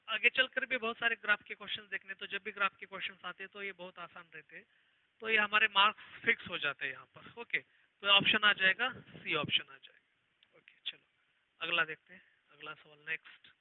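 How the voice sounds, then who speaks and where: High-voiced man teaching physics, tinny audio. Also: no room sound. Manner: reads question slowly word by word, then explains quickly. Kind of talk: online exam-prep lesson.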